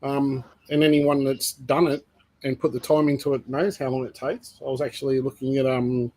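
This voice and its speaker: A man's voice: mid-range voice, flat delivery, normal speed, a little mellow, low-quality recording. A man co-hosting a reptile livestream, telling stories in a rambling, filler-heavy casual way. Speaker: co-host of a reptile breeding livestream. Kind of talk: casual chat.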